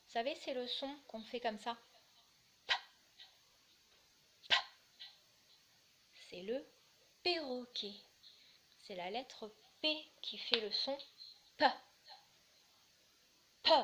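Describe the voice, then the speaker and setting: A woman teaching young children to read, with a somewhat high, bright and clear voice. She speaks very slowly and patiently, repeating syllables to sound them out. A faint room hum sits behind her. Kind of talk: early-reading lesson.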